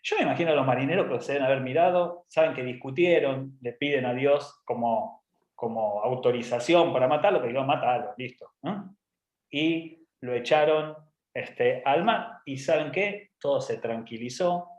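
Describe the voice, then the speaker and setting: A man's voice: medium pitch, normal speed, roomy sound. A man preaching in a casual, humorous way, often adding tag questions. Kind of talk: informal sermon talk.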